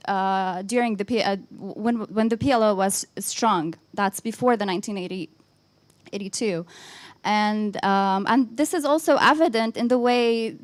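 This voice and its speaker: A woman's voice: a little high, no room sound. A woman from Lebanon, asking an earnest, hesitant question from the floor at a symposium. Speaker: audience questioner. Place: conference hall.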